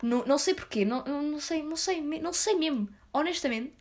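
A woman with a European Portuguese accent talks straight to her viewers in a loose, slangy rant. Her voice sits a little high, and she rambles, then punches words hard. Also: expressive, fast talker, darkish tone. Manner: slangy, rambling, blunt, with sudden emphatic outbursts. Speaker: vlogger.

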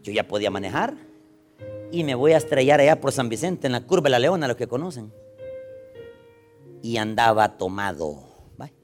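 A male pastor with a Salvadoran accent preaching a sermon, telling stories and acting out the dialogue, often calling out to his listeners. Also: fairly high pitch. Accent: Salvadoran Spanish. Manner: storytelling, acting out dialogue, frequent "hermano" and "¿va?".

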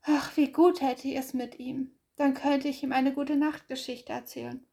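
A woman voicing a small, excitable male rabbit in a storybook, with a high, squeaky, exclaiming voice. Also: normal speed, creaky. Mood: wistful.

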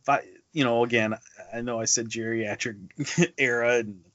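A co-host on a casual film podcast talks at normal speed in a medium-pitched, fairly bright voice with fairly even intonation. He is emphatic and repeats himself for effect, heard on dull lo-fi audio with no room sound.

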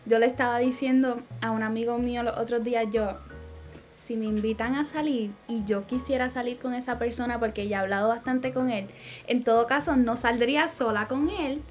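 A woman's voice: on the high side, fairly even intonation, fairly quick, faint music behind. A young woman co-hosting a casual podcast, speaking Spanish sprinkled with English slang. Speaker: podcast co-host. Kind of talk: casual chat.

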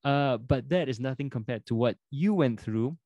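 A man's voice: mid-range voice, moderate pace, mellow, dry recording, muffled recording. A man presenting a podcast and interviewing a guest as its host. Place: indoors, in front of a bookcase.

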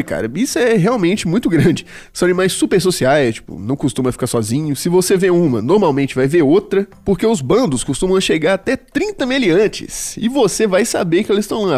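A man's voice: high voice, sing-song, a little fast, few pauses, darkish tone. A man with a Brazilian accent hosting a casual educational show, chatty and playful with slang. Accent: Brazilian Portuguese. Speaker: podcast host explaining animals.

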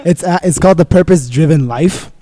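A man's voice: on the high side, brisk, dark tone. A man chatting casually on a podcast, easygoing and slangy. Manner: easygoing, laid-back slang.

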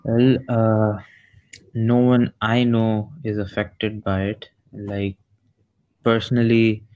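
A man's voice: lowish voice, little pitch movement, takes it slowly, phone-quality sound. A young man chatting casually as a podcast co-host, mixing English with some Hindi-Urdu. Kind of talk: casual chat.

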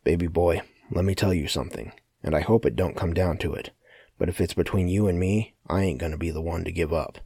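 A man's voice: low voice, fairly quick, mellow, husky, no echo, clean studio sound. A man voicing a drunk, cocky man who slurs his words. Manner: slurred, swaggering.

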